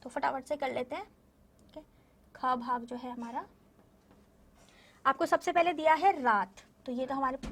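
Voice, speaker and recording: A woman teaching a primary-school language lesson to children, patiently repeating words and spelling them out slowly. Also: sits high, fairly bright tone, a little hiss or hum. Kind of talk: online class lesson.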